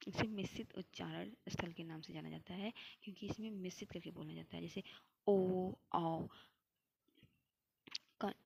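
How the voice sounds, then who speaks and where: A woman's voice: on the low side, quick pace, vocal fry, hardly any pauses, breathy edge, no room sound. A young woman teaching Hindi grammar for an exam, explaining step by step and answering her own questions. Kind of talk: classroom lecture.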